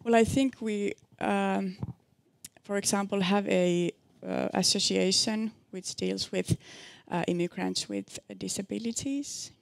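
A woman's voice: mid-range voice, steady tone, measured pace, gravelly, dry recording. A woman researcher answering audience questions at a seminar, hesitant, with many fillers and restarts. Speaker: researcher presenting a study.

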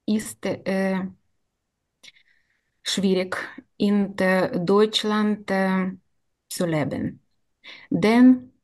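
A woman from Ukraine with a Ukrainian accent, introducing herself in careful learned German on a video call, halting with many filler sounds. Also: mid-range voice. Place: indoor room.

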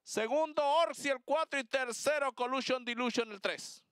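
A man giving live horse racing commentary, with an excited, driving way of calling the race. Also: very high voice, normal speed, clear, resonant tone, dry recording, studio quality.

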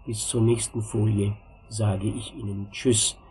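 A man teaching a beginners' language class, saying each drill sentence slowly and clearly, then repeating it for students to copy. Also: fairly low pitch, level tone, dark tone, poor audio. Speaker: German teacher. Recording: faint background noise.

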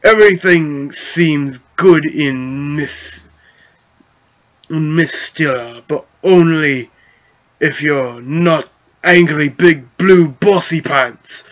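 Give me a man playing a petty goblin chief, blunt and bossy, in a fairly high, bright voice. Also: drawn-out words, dull audio. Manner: broken grammar, gruff bossy delivery.

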